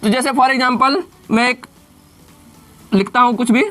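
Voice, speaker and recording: Male tutor, self-questioning style, slow letter-by-letter spelling for a grammar class. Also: very high-pitched, steady tone, fairly bright tone, soft background music. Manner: keeps posing questions and answering them himself. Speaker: teacher.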